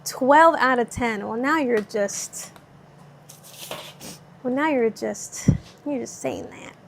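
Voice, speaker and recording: A bubbly young vlogger from Southern California cooks live in her home kitchen, reading viewers' comments and chatting about the food in a casual live-stream manner. Her voice is bright and high yet slow and gravelly, with a light Californian accent. A faint room hum sits beneath her.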